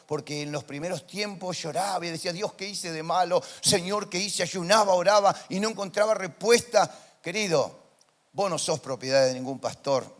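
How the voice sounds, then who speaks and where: A man with a high voice and a Rioplatense Spanish accent preaches to his congregation. He shifts from hushed, personal asides to soaring, emphatic proclamations. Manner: impassioned preaching, swinging from soft to loud declarations. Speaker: pastor. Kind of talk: sermon. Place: church.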